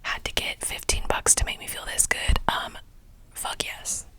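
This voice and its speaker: A young woman whispering a rambling, casual vlog chat full of fillers, close to the mic. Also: measured pace. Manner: whispering throughout, chatty and rambling with many fillers. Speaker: vlogger.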